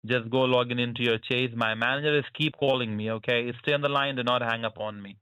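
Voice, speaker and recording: A man's voice: mid-range voice, steady tone, fast talker, bright, forceful tone, clean tone, no room sound. A man calling over a phone line with a bad connection that keeps dropping, pushing orders again and again in broken English. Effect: heard over a phone line with a bad connection that keeps dropping. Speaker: scam caller. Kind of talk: phone call.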